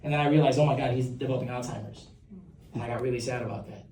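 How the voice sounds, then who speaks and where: A man's voice: mid-range voice, steady tone, racing, a little hiss or hum. A young man from Puerto Rico performing a stand-up set on a comedy club stage, chatty and self-deprecating and ribbing the crowd. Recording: roomy club recording from a distance with a loud crowd.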